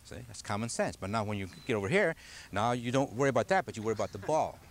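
A man's voice: fairly low pitch, lively intonation, fast, slight background noise. An older man teaching a golf clinic outdoors, patiently asking the group questions as he explains. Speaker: golf instructor. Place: outdoors on a grassy driving range. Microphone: camcorder from a distance.

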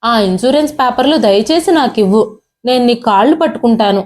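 A woman's voice: on the high side, lively intonation, a little fast, darkish tone, close to an everyday voice. A woman voicing a desperate elderly retired father who tearfully pleads with his son. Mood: begging.

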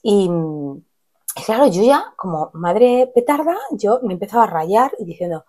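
A woman's voice: medium pitch, lively intonation, normal speed, warm tone. A woman, chatting casually to camera in a rambling way, acting out what others said. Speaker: vlogger.

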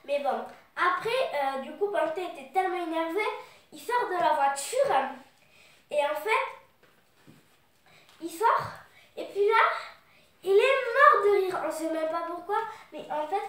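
Woman storyteller with a cold, halting, slow, high; distant mic, echoey room. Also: a bit bright. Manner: loose, halting retelling with fillers. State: has a cold. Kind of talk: retelling and reading a children's book.

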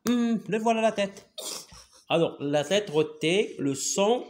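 A man's voice: sits high, expressive, takes it slowly, noisy background. A man with a Moroccan accent teaching a reading lesson, patiently spelling out letters and sounds and switching into Moroccan Arabic to explain.

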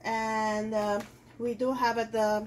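On the high side and delivered flatly and slowly, this middle-aged woman's voice guides a casual cooking demo in her home kitchen. A native Armenian speaker hosting a kitchenware sales show, she talks with loose phrasing and frequent fillers over slight background noise.

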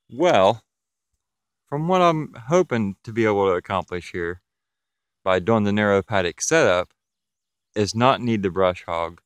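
A farmer talks his way across an open pasture in a low, clear voice. His manner is plain and matter-of-fact, like a practical walk-through. The sound is dry and close on the handheld camera. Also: dry recording. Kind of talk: walking field tour, explaining. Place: outdoors in a pasture. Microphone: camera held while walking.

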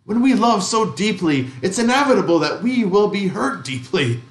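A man's voice: high voice, sing-song, normal speed, reverberant. A male pastor giving a conversational sermon, asking the congregation questions and adding light humor. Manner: conversational, gently humorous preaching with rhetorical questions. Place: church sanctuary.

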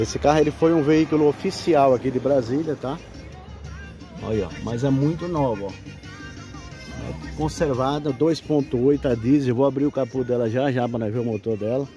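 Outdoors at a roadside car fair, a Brazilian used car broker films a walkaround of a vehicle for sale, delivering a casual, repetitive sales patter. His voice is mid-range and mellow, with street noise and faint traffic in the background.

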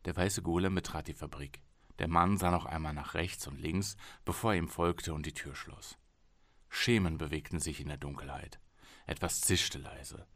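A man narrating an audiobook in a measured, expressive way, recorded at a studio microphone in a small home studio. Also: rumbling low, no room sound. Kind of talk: scripted narration.

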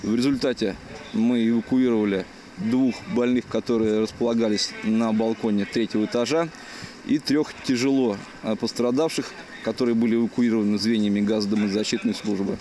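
A man in his forties, a fire officer, giving a formal, measured statement outdoors. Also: on the low side, fairly even intonation, warm tone, a little hiss or hum. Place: outdoors beside a fire truck. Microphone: handheld reporter microphone.

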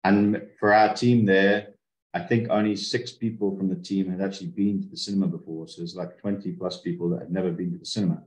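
A man giving an online presentation on weaving, speaking a little haltingly. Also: low-pitched, fairly even intonation. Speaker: master weaver presenter. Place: indoors, video call. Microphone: video call. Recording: roomy video call audio.

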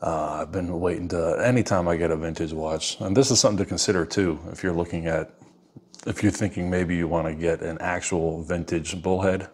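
A man's voice: low voice, fairly even intonation, fairly quick, a little mellow, slightly rough. A man giving a casual, rambling watch review at his desk, often calling the listener "man". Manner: laid-back, says "man" often, rambling asides. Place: indoors at a desk, off camera. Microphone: wireless clip-on mic.

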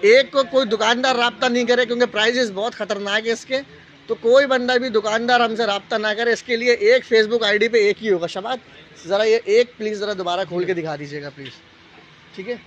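Male shop seller, Pakistani accent, high voice, off-the-cuff live pitch with repeated prices, dull phone audio. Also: fairly even intonation, a little fast, a bit bright, slight background noise. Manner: repeats prices and tag phrases like a street seller. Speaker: shop salesman hosting a live sale video. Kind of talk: live product sales pitch, casual and unscripted. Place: indoor appliance store, walking the aisles. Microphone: handheld phone.

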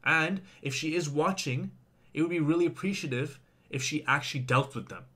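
A man's voice: on the high side, normal speed, sharp tone, breathy edge. A man venting in a confessional vlog, swearing heavily, repeating himself and talking straight to his viewers. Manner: heavy swearing, angry and venting; repetitive, speaks directly to viewers. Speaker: vlogger. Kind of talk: confessional rant to camera.

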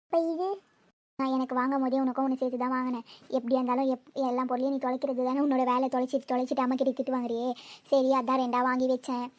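A woman's voice: high voice, level tone, very fast, pitched below the performer's own voice, close to an everyday voice. A woman voicing a bossy but caring older sister girl who scolds and teases in a cartoon. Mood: teasing scold. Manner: scolding, teasing.

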